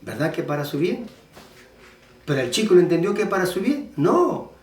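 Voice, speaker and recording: Pastor with a lively, echoey voice. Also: male voice, sits high, normal speed. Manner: conversational preaching with many restarts and fillers. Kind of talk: sermon. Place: church. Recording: echoey church hall, mic at a distance.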